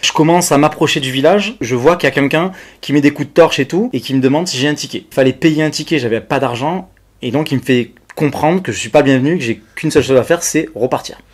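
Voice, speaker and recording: Man telling a story, halting and casual. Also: fairly high pitch. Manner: frequent hesitations and stammered repeats; colloquial, peppers phrases with "et tout". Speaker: storyteller recounting a personal ordeal. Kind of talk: casual spoken testimony.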